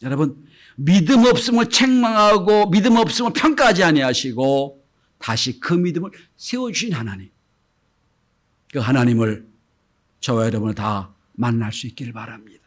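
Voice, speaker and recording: Male pastor, middle-aged, Sunday sermon; slightly high voice, swings from hushed to loud, acts out quotes. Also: lively intonation, normal speed. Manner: acts out gentle quoted speech, swings between soft and loud.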